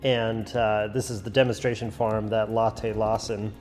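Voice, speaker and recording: A man's voice: lowish voice, little pitch movement, a little slow, darkish tone, in a large hall, soft background music. A man hosting a podcast, introducing an episode in an earnest, conversational way. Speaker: podcast host.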